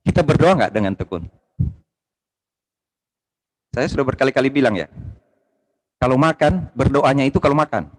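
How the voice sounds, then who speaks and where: A man preaching a sermon with passion, rising to loud exclamations and dropping to low asides, joking casually with the congregation. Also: lively intonation, moderate pace, long pauses, poor audio. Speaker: pastor. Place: church service streamed online.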